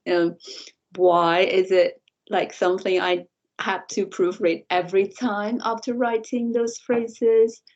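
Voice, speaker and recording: A Mandarin-speaking lecturer answers podcast interview questions reflectively, laughing lightly and correcting herself often. Her medium-pitched voice is slightly mellow and fairly even, her pace slow, and the recording sounds muffled.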